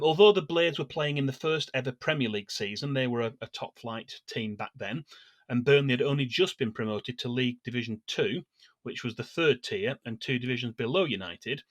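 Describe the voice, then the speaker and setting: Steady man reading football history. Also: mid-range voice, no echo, clean studio sound. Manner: measured, steady delivery of scripted match history with small hesitations. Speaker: podcast co-host. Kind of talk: football fan podcast, reading prepared notes.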